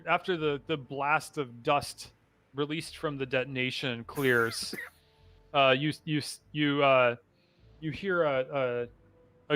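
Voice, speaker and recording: Bright, halting male dungeon master. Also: medium pitch, clean tone, no echo. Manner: halting narration full of restarts and fillers. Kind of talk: narrating a tabletop game.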